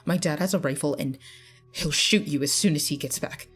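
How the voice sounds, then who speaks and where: A woman's voice: deep voice, moderate pace, fairly bright tone, slightly rough. A woman narrator voicing a frightened teenage girl who stutters nervously, over faint music.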